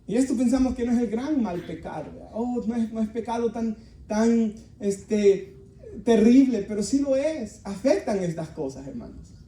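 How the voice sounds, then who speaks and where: A male pastor preaches earnestly to his congregation. His voice sits high but sounds dark and mellow. It is picked up from far away, in a roomy, echoing church. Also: vocal fry. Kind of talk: sermon. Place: church hall. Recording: echoey room, voice from far off.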